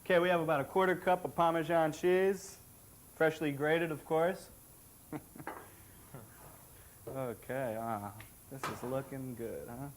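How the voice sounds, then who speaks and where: Rich: A man with a somewhat high voice walks viewers through a recipe on a cooking show, chatty and joking as he goes. A faint hiss of noise sits under the recording. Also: a little slow, pauses often. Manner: jokey, chatty, self-satisfied. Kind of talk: cooking demonstration.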